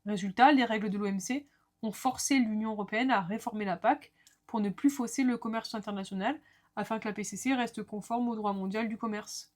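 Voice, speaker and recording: A woman lecturer explaining a law lesson step by step, with clear, structured delivery and small asides to the viewer. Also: medium pitch, a little fast.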